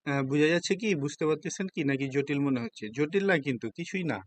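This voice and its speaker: A man's voice: on the high side, fast, slight background noise. A man teaching a Japanese lesson in Bengali with a Bangladeshi accent, patiently explaining each step and often asking students whether they understand. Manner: patient, checks understanding with frequent questions. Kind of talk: classroom lesson explaining hiragana.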